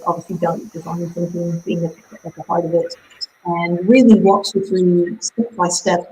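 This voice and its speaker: A woman career coach with a mellow, lowish voice talks enthusiastically and conversationally on a live video panel. She's heard through a video call microphone in an echoey room.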